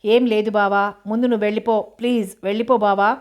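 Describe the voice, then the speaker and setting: Woman reading a teary young girl who still stands her ground, audiobook, even tone. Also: mid-range voice, brisk, lightly acted. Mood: pleading. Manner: pleading, tearful. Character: young woman, tearful but defiant niece.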